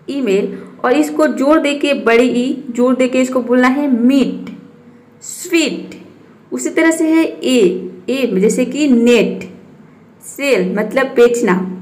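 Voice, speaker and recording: A woman teaching a spoken English lesson. She asks her students questions and answers them herself, and she slows down to spell out each example word. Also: on the high side.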